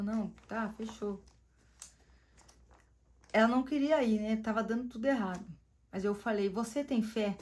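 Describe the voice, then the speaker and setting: Brazilian woman, testimony speaker, casual storyteller who acts out dialogue, medium pitch. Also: a little mellow. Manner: tells the story with quoted dialogue, frequent "né" tags.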